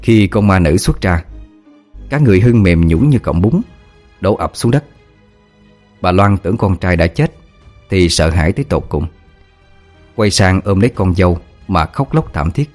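A man narrating an audiobook ghost story in a steady, dramatic way. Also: low voice, normal speed, long pauses, soft background music.

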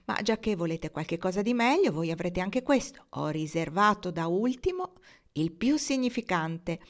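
A woman's voice: on the low side, lively intonation, normal speed. A breezy French count, read by a woman. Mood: amused, teasing. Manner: breezy, laughing storyteller. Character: chatty, flippant young French count.

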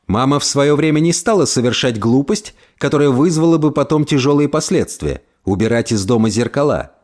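A man reading a first-person story aloud in an expressive narration. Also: medium pitch, brisk. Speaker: audiobook reader.

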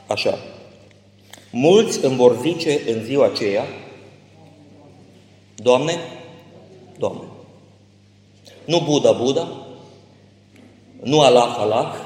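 A man's voice: mid-range voice, a little mellow. A man preaching an impassioned sermon as a pastor, swelling to emphatic peaks, in a church. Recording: echoey church hall.

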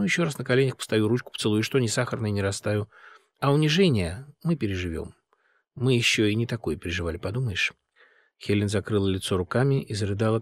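A man narrating an audiobook with a lively, dramatic delivery. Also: fairly low pitch, dry recording, studio quality.

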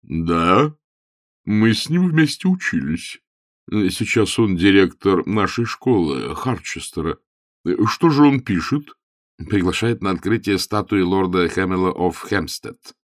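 A man's voice: deep voice, animated, measured pace, no room sound, clean studio sound, voice pushed up. A man reading an audiobook voices a troubled, pompous elderly bishop who sighs over his troubles and quotes scripture. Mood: rueful. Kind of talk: audiobook character voice.

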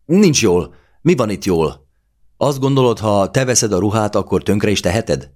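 A man reading aloud who voices a bitter, sharp-tongued young woman, snapping and accusing in a raised voice. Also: low-pitched, voice pushed up, close to an everyday voice. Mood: bitter, angry.

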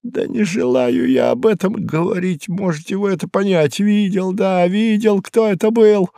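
A man voicing a frightened, beaten, surly hard-drinking man who talks in a hoarse, rasping voice and breaks into shouts. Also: sits high, moderate pace, no echo, studio quality, pitched above the performer's own voice. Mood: desperate. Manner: sullen, then bursting into shouts.

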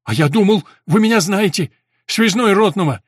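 A man's voice: on the high side, moderate pace, breathy edge, no room sound, clean studio sound, voice pushed up. A man voicing an eager young army messenger who chatters in rustic speech.

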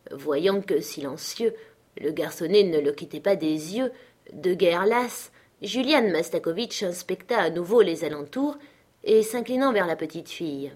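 A woman narrating a classic literary tale as an audiobook, in a measured, expressive storytelling manner. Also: fairly low pitch.

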